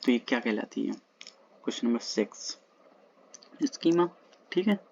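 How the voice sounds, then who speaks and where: Animated and creaky, this medium-pitched male voice belongs to an exam-prep teacher reviewing past exam questions in a casual lesson recorded at home at night. He reads the English question text slowly, then explains rapidly in Hindi, in a slightly rough, a little mellow tone with the highs cut off.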